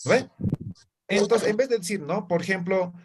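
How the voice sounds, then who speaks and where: High-voiced male teacher. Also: animated, moderate pace, breathy edge. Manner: explanatory, keeps checking with students. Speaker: language teacher. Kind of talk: classroom lesson. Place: classroom with students.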